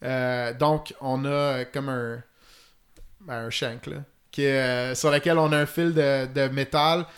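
A man's voice: mid-range voice, fairly even intonation, a little slow. A man with a Quebec French accent explaining fly-fishing gear in casual chat, in detail and with many fillers. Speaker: fly-fishing guest expert.

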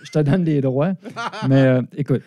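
A man with a Quebec French accent, a business teacher and guest, explaining ideas in an animated, conversational way and laughing often. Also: mid-range voice, normal speed.

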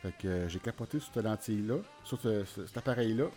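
A man's voice: on the low side, mellow, soft background music. A man with a Quebec French accent hosting a casual solo podcast, hesitant and informal, speaking while recovering from wisdom teeth surgery. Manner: hesitant, informal, pausing often to search for words. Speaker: podcast host.

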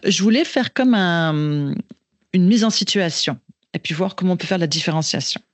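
A woman's voice: lowish voice, expressive, moderate pace, no room sound. A woman with a Québécois French accent talks shop as a teacher in a loose, conversational way. She circles back and restarts her sentences as she thinks, and her voice sits dry and close to the mic with no room sound. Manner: thinking aloud with frequent restarts and fillers. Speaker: teacher and guest. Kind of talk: casual podcast conversation.

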